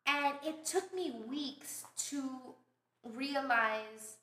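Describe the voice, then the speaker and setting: New gal, kinda high voice, chatty storyteller, roomy echo. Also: female voice, drawn-out words. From Brooklyn, New York. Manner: animated storytelling, laughs often. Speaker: podcast guest. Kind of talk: casual interview chat.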